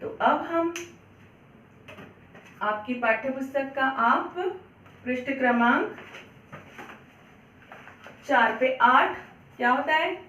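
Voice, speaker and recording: A woman with a high voice teaches young children at an unhurried pace, repeating each word and answering her own questions. The recording is dull and echoey, with the mic some way from her. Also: bright, forceful tone, far from the mic, slight background noise. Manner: patient, repeats words slowly, asks and answers own questions. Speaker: primary school Hindi teacher. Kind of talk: children's online lesson.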